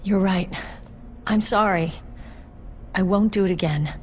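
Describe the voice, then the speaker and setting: A woman's voice: mid-range voice, unhurried, a little hiss or hum, close to an everyday voice. A woman playing an earnest young female soldier in a video game, self-doubting and curious, with a tentative, questioning delivery. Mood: remorseful. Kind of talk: video game cutscene acting.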